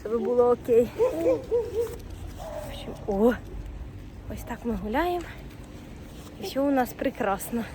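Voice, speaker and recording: A woman's voice: a little high, expressive, slow pace, pauses often, dark tone, slight background noise. A young woman vlogging casually as a mother, chatting to the camera and cooing to her baby. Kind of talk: casual daily vlog.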